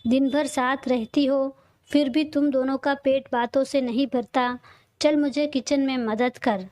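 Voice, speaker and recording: A woman's voice: high-pitched, fairly even intonation, a little slow, dark tone, no room sound, clean studio sound. A woman reading a firm middle-aged mother.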